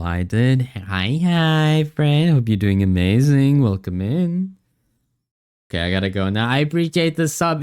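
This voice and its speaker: A man's voice: mid-range voice, a little mellow, clear, resonant tone. A man livestreaming from a home setup, chatting casually and thanking viewers over a headset mic in a rambling, upbeat way.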